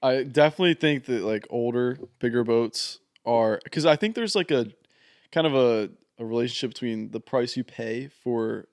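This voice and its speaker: A young man, a podcast guest, talking in a laid-back, halting way, often repeating words as he thinks aloud. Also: medium pitch, no room sound, clean studio sound. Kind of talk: casual chat.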